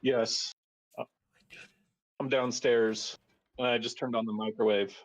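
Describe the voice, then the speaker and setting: A man on a hollow, tunnel-like speakerphone, chatting casually and halting now and then as a friend calling in. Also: medium pitch, level tone. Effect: hollow, tunnel-like speakerphone sound. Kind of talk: casual chat. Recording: dull speakerphone over voice chat.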